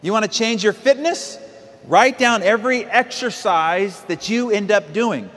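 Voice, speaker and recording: A man in his forties with a high-pitched voice delivers a motivational speech from a stage. He speaks directly and with energy, throwing rhetorical questions at his listeners. His voice trails off into the long reverb of a large hall. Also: unhurried, a bit bright.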